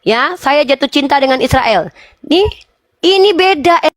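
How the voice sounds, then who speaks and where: A woman's voice: sits high, lively intonation, unhurried, dry recording, clean studio sound. A woman in a heated online debate, firing insistent, argumentative demands and questions.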